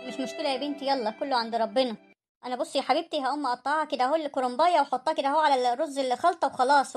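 A woman voicing a poor, gentle older mother-in-law in an Egyptian cartoon story, pleading and self-effacing, with an Egyptian accent. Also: high voice, natural voice.

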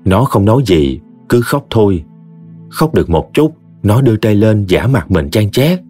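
A man with a Southern Vietnamese accent narrating a story in an expressive, folksy way. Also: on the low side, moderate pace, breathy edge, faint music behind.

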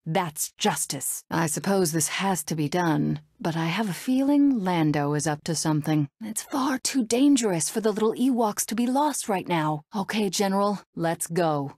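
Princess Leia, lower-pitched, resolute rebel. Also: female voice, animated, normal speed, hardly any pauses, a little mellow, no echo, studio quality. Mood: determined, dry. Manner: crisp, resolute, dryly sarcastic. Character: brave, sardonic young rebel princess and leader. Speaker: video game character. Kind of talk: video game voice lines.

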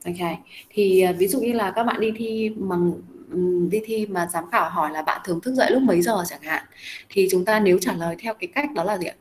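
A woman's voice: medium pitch, brisk, slight background noise, low-quality recording. A young adult woman teaching an English class. She explains each phrase step by step. She keeps coaxing her students with repeated questions.

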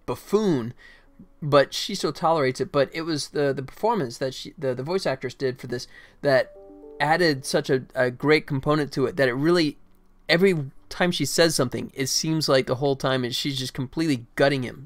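Casual live-stream talk comes from a man in his forties doing game development at a computer. His voice is mid-range and his pace moderate. The setting is a small indoor room, with faint background music and keyboard typing.

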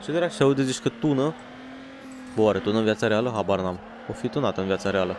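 Excitable slangy man commentating a racing game. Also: lowish voice, noisy background. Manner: excitable, slangy, talks to himself and viewers. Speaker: gaming YouTuber. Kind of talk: let's play commentary.

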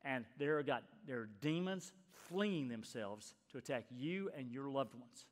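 An older man in his sixties preaching in a church, his voice pushing loud and urgent then dropping almost to a whisper. The sound hangs in a long reverb from the hall, and his pitch sits in an ordinary middle range. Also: expressive, normal speed. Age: 60s. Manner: emphatic, swings from loud urging to hushed near-whisper. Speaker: pastor. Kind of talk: sermon. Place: church sanctuary.

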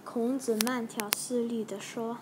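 A woman teacher slowly reading a simple story aloud for learners, with careful, halting phrasing. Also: a little high, flat delivery, noisy background.

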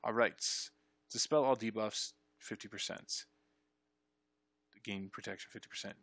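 A young man streaming, reading game ability text aloud and reacting with excited bursts in casual commentary. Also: on the low side, measured pace, no echo. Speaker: streamer reviewing game ship changes.

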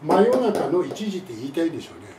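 A man's voice: on the high side, very animated, fast talker, warm tone. A man who teaches English, telling a scornful, indignant story to camera as a lesson. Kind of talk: monologue lesson and complaint to camera. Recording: echoey room, distant mic, faint noise.

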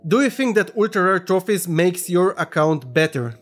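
A man in his thirties from Russia, casually reading viewer questions aloud and answering them in a relaxed vlog, on a studio mic in a small room. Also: sits high, normal speed, soft background music. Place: small room with neon lights, indoors. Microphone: studio mic on stand in front.

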